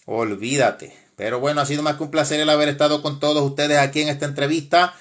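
Slightly high, mocking male live-streamer. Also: fairly even intonation, fast, fairly bright tone. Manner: mocking, laughing, exclaims often. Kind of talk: casual live-stream commentary.

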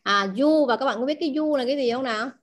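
A woman's voice: high voice, fast talker. A woman teaching a language class, explaining words and asking her students questions often. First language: Vietnamese. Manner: asks the class questions, repeats key words.

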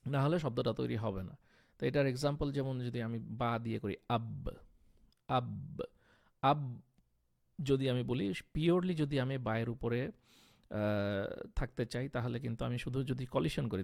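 A man's voice: medium pitch, gravelly, a little mellow. A man teaching a Quran recitation lesson step by step, often asking a question and then answering it himself, with frequent hesitation fillers. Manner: patient, step-by-step, asks and answers his own questions. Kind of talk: explanatory lesson.

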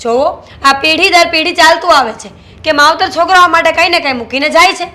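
A shrill, scolding daughter-in-law. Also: female voice, brisk, pushed and bright. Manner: scolding, sarcastic. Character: sharp-tongued young daughter-in-law refusing tea.

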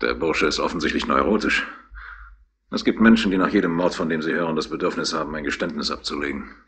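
A man's voice: very deep voice, fast, fairly bright tone, husky, heavily acted. A man playing an elegant, cunning psychiatrist in a 1960s radio crime drama, aloof and lecturing. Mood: dismissive. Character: elegant, cunning male psychiatrist, cool and condescending. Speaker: doctor.

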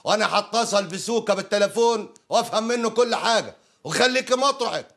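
An actor playing a kindly middle-aged uncle who calms his niece in a gravelly voice. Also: sits high, fast talker.

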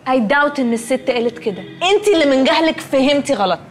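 A snippy young roommate who cares about fashion, scolding in a high, quick Egyptian voice. Her lines come out rapid-fire and clipped. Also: expressive, slight background noise. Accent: Egyptian Arabic.

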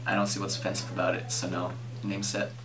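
A young man acting in an amateur student skit as a brisk, dismissive casting director. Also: low voice, monotone. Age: young adult. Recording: distant, faint noise.

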